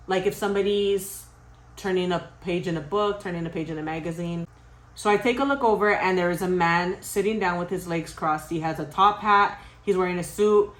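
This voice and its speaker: A young woman vlogger casually telling a spooky story to her viewers, animated and swearing, often laughing. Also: fairly low pitch, roomy sound.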